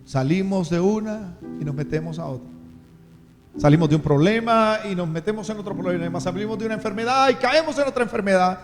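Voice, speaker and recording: Male preacher, animated and repetitive, bright high tone, instrumental music behind. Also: a little fast. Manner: repetitive preaching with rising emotional questions. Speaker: pastor. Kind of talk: sermon. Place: church hall. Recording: long church reverb with music behind.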